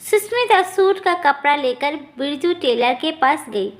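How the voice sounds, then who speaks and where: Slow high-voiced woman storyteller. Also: lively intonation. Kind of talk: scripted story narration.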